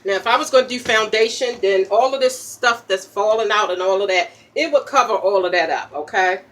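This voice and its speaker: A woman's voice: medium pitch, a little fast, fairly bright tone. Chatty woman popping gum. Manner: chatty, checks in with "okay?" after each step; pops chewing gum while talking. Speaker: makeup tutorial host. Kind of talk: casual makeup tutorial, ASMR style.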